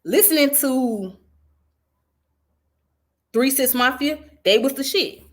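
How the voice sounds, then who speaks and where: In this casual commentary vlog, the channel's host, a woman raised in the American South, talks bluntly and profanely in a conversational way. Her voice is high-pitched and lively, with a slow pace.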